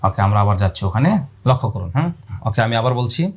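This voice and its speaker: A man's voice: mid-range voice, animated, fast talker. A man teaching Quran pronunciation, repeating letter sounds aloud and asking viewers to watch his mouth. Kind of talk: spoken lesson on letter pronunciation.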